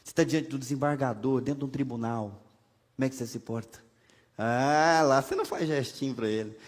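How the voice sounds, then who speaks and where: A man's voice: medium pitch, a little fast. A man with a Brazilian Portuguese accent preaching a sermon as pastor, conversational and humorous, with many rhetorical questions. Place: church sanctuary. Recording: long hall reverb from a church.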